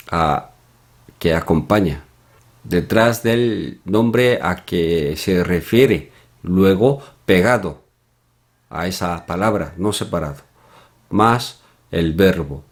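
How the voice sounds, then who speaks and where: A man teaching a Korean lesson from slides, explaining slowly with pauses and soft hums. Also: on the low side. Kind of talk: slide-based language lesson.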